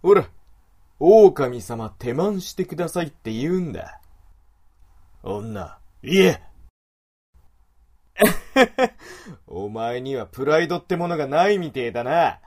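A man's voice: fairly high pitch, lively intonation, a little slow, darkish tone, heavily acted. A man voicing a sneering wolf creature. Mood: mocking. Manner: rough, sneering, commanding. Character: domineering, mocking male wolf creature. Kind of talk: adult audio drama.

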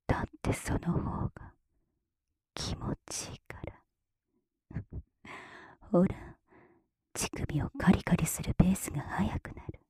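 Breathy teasing woman in whispered role-play. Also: on the low side, takes it slowly, pauses often, darkish tone, no room sound, studio quality. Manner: teasing, commanding older-sister tone. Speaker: ASMR performer.

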